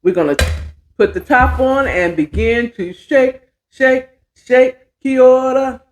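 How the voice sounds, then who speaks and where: Her voice sits high and moves slowly. The middle-aged American woman hosts a storytelling show, talking to viewers in a relaxed, folksy style and often half addressing herself as she goes about her work.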